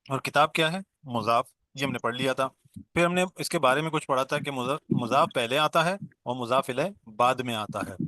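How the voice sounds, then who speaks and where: A man's voice: medium pitch, sharp tone, no echo. A man teaching an online grammar class, explaining step by step, asking and answering his own questions and correcting himself as he goes. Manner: self-corrects mid-sentence. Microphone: video call.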